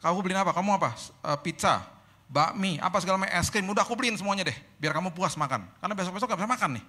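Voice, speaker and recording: A man's voice: sits high, expressive, very fast, sharp tone, voice pushed up, exaggerated voice. A male preacher voicing his wife as an eager, chatty woman spoiling her sick husband with food.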